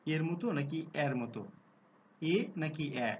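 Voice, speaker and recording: A man giving a recorded lesson on pronunciation, explaining rules, asking rhetorical questions and sounding out example words slowly. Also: on the high side, muffled recording, slight background noise. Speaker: Bengali language teacher.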